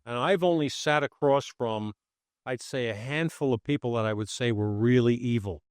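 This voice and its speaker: Male host, former investigator, measured and authoritative with a wry edge, average pitch. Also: smooth, dry recording, studio quality. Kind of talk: live podcast chat. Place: pizzeria before live audience.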